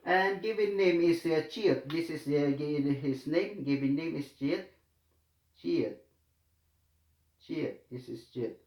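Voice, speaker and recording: Slow, halting man teaching in an echoey room. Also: fairly high pitch, darkish tone. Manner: halting, many fillers and repeated phrases. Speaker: Korean language tutor. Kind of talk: slow step-by-step writing lesson.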